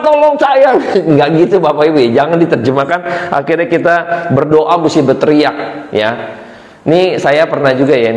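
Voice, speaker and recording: A middle-aged man preaching a sermon as pastor, talking in a chatty, animated way with many fillers. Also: fairly high pitch. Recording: roomy hall with long reverb.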